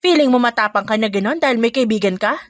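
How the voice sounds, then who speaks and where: A woman's voice: on the high side, lively intonation, fast, dry recording, lightly acted. Woman voicing a two-faced scheming stepmother. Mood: scolding. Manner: sharp, scornful, sugary when on calls.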